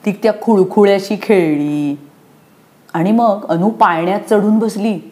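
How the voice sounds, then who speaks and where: A young woman narrating a children's storybook in a gentle, expressive read-aloud manner. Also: medium pitch, unhurried.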